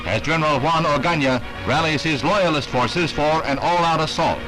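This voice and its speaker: A man's voice: on the high side, normal speed, poor audio. Man narrating an old newsreel. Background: loud music score.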